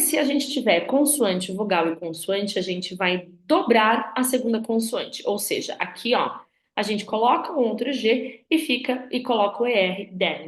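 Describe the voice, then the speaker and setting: Brazilian woman teacher, echoey room. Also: mid-range voice. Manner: explains step by step, patient and chatty. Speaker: English teacher. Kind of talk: recorded review lesson for students. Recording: roomy echo.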